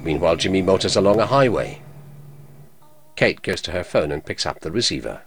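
A man narrating an audio description in a measured, neutral manner. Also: sits low, big pitch swings, husky. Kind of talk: scripted narration.

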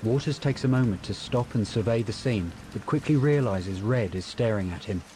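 A man reading scripted audio description for a film in a measured, descriptive manner. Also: fairly low pitch, mellow, a little hiss or hum, low-quality recording.

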